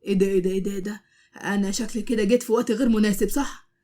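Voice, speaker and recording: A woman's voice: medium pitch, steady tone, rapid-fire, dark tone, natural voice. A woman with an Egyptian accent voicing a cheeky, joking young male relative. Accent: Egyptian Arabic.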